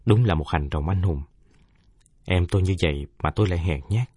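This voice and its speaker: Male audiobook narrator, somber first-person storytelling, low husky voice, dry close recording. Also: brisk, mellow, no room sound.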